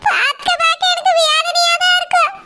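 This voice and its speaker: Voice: extremely high pitch, fairly even intonation, a little fast, pushed and bright, exaggerated voice. A performer voicing an old cartoon grandmother, lamenting over and over with tearful worry. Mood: grieving. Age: older. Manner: lamenting, repetitive, pleading. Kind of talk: cartoon voice acting.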